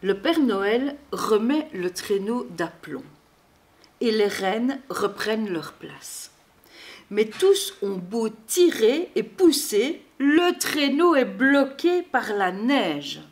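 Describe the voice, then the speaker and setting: A woman reading a children's Christmas storybook aloud in an expressive, measured way. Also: a little high.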